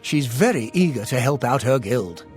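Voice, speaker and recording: Actor as a lively fantasy working man. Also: mid-range voice, moderate pace, over music, natural voice. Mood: informative. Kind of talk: scripted game character dialogue.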